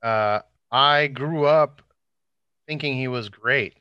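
A man's voice: medium pitch, slow, smooth, no room sound, muffled recording. A man in casual podcast conversation, speaking bluntly and swearing freely. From Cuban background. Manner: blunt, profane.

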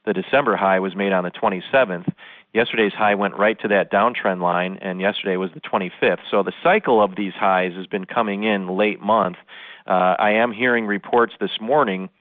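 A man's voice: fairly low pitch, steady tone, normal speed, no echo. A man giving market analysis over the phone in an interview, speaking analytically with many filler sounds. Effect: heard over the phone. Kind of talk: interview commentary. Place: phone call. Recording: tinny phone line, dry.

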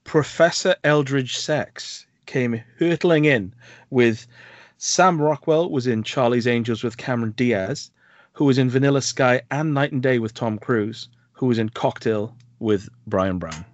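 A Welsh man co-hosts a film podcast, chatting casually and hesitantly with lots of fillers. His voice is medium-pitched and unhurried, and the lo-fi recording has no echo.

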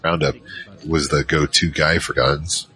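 Voicing a relaxed, geeky troll mage in full character, a man speaks in a rumbling low, sharp voice with fairly even intonation and no hurry. The mage wryly reminisces, telling his own story in a loose, slangy, conversational first-person style for an audio drama.

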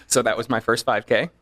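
A man chatting as a podcast guest, relaxed and self-deprecating as he tells stories. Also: mid-range voice, no echo. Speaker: guest, audio manufacturer rep. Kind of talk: casual podcast chat.

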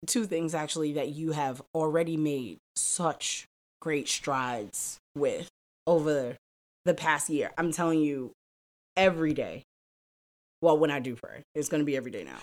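A woman in her forties, a mother co-hosting a casual chat podcast with her daughter, teasing and unhurried. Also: low voice.

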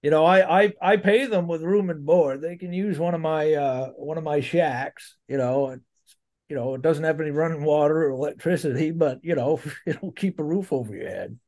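A man's voice: on the high side, moderate pace, darkish tone, lightly acted. A man voicing a blustering rural boss who owns a mud truck, talking in a folksy, rambling way. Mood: boastful. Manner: folksy, rambling, cheerfully crude.

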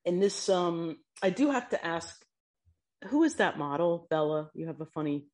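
Woman host, husky, low-ish, lively, playful questioner. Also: moderate pace. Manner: loose and playful, jokes about being old. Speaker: interview host. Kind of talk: casual interview chat.

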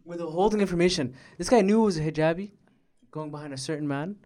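A man's voice: fairly high pitch, fast, warm tone. A young man with a Toronto urban slang accent, trading slangy, casual banter as a podcast panelist. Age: young adult. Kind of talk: casual chat.

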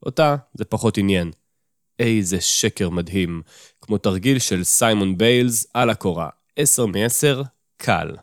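Wry low-voiced male narrator. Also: dry recording, studio quality. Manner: wry, self-mocking inner monologue. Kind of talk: first-person audiobook narration.

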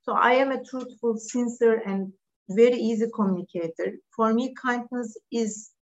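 On a lo-fi recording, a woman with a slightly high voice speaks at normal speed. She is a middle-aged businesswoman from Turkey, a guest on a podcast, answering interview questions in English as a second language. Her replies are earnest and direct, phrased in a non-native way and marked by restarts.

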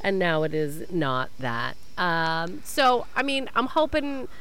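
A woman's voice: on the low side, big pitch swings, slow pace, fairly bright tone, clean tone. A woman co-hosting a podcast in casual chat, telling stories in a dramatic, self-mocking way. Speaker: podcast co-host.

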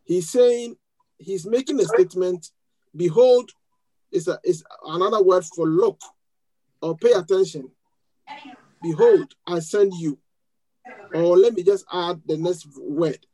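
A man's voice: high-pitched, a little slow, dark tone, poor audio. A man preaching a sermon to a congregation, leading a prayer and quoting scripture with rising, emphatic bursts. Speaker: pastor.

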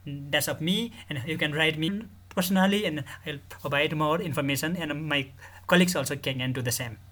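A man from Nepal, a guest in a podcast interview who explains his work in an earnest, measured way. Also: fairly high pitch, bright, forceful tone. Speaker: guest, mental health director.

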